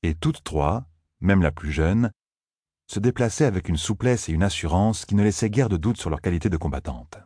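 Deep, husky male audiobook narrator. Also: animated, moderate pace, warm tone, no room sound, clean studio sound.

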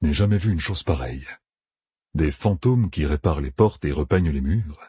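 Man doing a calm, low older minstrel. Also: slightly rough, no echo, full character voice. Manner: calm, measured.

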